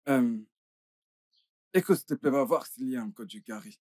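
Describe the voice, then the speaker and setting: An actor playing a resigned older brother in a dubbed film, with a soft, husky voice. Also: male voice, medium pitch, normal speed, no echo, clean studio sound, close to an everyday voice.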